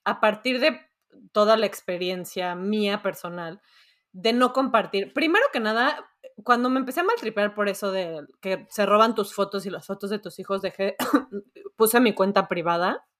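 Woman, Mexican accent, mid pitch, frank slangy casual chat. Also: normal speed, fairly bright tone. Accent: Mexican Spanish. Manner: frank, slangy, loose talk. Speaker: podcast host.

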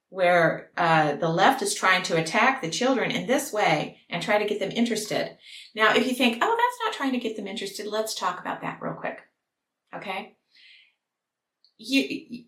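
A woman's voice: mid-range voice, a bit bright. A woman vlogger delivering an opinionated monologue to camera, emphatic and full of rhetorical questions. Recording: roomy echo.

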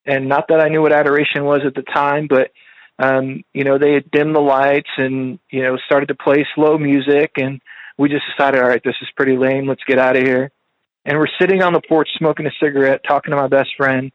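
A man's voice: on the high side, level tone, brisk, dry recording, muffled recording. A man telling his personal faith testimony in a casual, rambling way, with many fillers and restarts. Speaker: speaker sharing a faith testimony.

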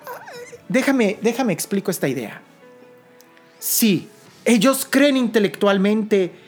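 Slow, emphatic woman preaching a sermon. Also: medium pitch.

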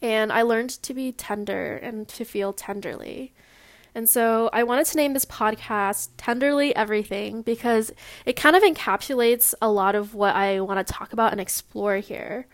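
A woman in her twenties from Long Beach, California, with a Californian American accent, hosts a casual personal podcast. She sounds candid, informal and a little nervous, speaking with a fairly high pitch at a moderate pace in a dry recording.

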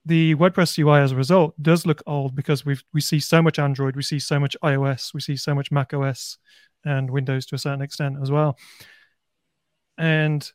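A man's voice: a little high, no echo, studio quality. A man from Birmingham with a light Birmingham accent, talking casually on a panel discussion and thinking aloud. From Birmingham, England. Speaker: podcast panelist.

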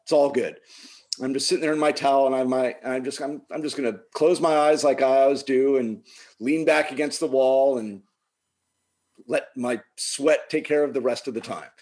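A man casually telling a funny personal story, animated and laughing often. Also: mid-range voice, moderate pace. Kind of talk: casual chat.

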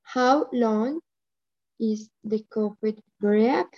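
Young woman, slow halting learner, muffled lo-fi audio. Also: on the high side, a little mellow. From Colombia. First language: Spanish. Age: 20s. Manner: hesitant, slow, halting answers with many fillers. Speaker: student. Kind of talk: English lesson practice.

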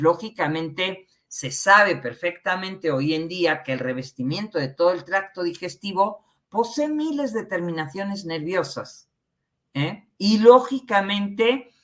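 A woman giving a spiritual talk, slow and emphatic, often checking in with a tag question. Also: on the low side. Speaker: spiritual teacher. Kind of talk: spiritual talk to an online audience.

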